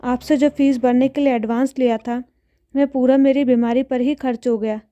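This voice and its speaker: A woman's voice: sits high, steady tone, moderate pace, dark tone, no echo, dull audio, close to an everyday voice. A woman voicing a poor, ashamed, tearful housemaid and mother in a read-aloud story. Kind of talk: storybook narration.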